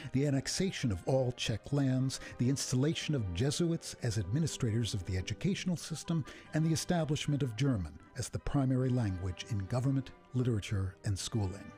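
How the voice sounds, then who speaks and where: Measured man narrating a music history. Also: mid-range voice. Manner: measured, even storytelling delivery. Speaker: program narrator. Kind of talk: scripted documentary narration.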